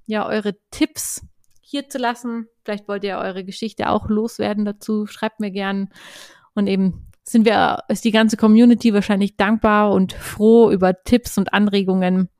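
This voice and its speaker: A woman's voice: medium pitch, a little mellow, dry recording, clean studio sound. A woman, hosting a solo podcast in an earnest, hesitant way with many restarts. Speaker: podcast host. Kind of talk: casual solo podcast talk.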